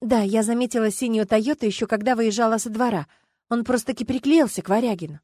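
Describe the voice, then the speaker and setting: An anxious, determined young woman, as a narrator puts her on in an audiobook, pitched up, urgent and pleading. The sound is dry and close. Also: quick pace, warm tone, no echo, close to an everyday voice. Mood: insistent.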